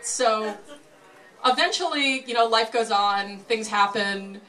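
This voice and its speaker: A woman's voice: fairly high pitch, sharp tone, low-quality recording. Wry female sword swallower doing sideshow patter. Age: 30s or older. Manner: self-deprecating, wry comic delivery; showman-like announcing with dramatic pauses. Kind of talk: live sideshow stage patter. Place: live stage show before an audience.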